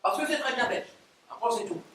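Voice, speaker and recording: A man's voice: very high voice, a little fast, a bit bright. An actor playing an impatient, condescending man in a stage play, recorded from far off in a very roomy theatre. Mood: scheming. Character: exasperated, scheming, haughty man. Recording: very roomy stage audio from far off, faint noise.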